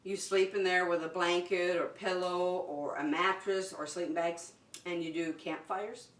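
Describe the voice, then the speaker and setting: A fairly low-pitched woman with a steady tone and an unhurried pace hosts story and circle time for preschoolers. She talks to the children directly in short, simple, encouraging phrases during a singing lesson. The spacious room and distant mic are audible.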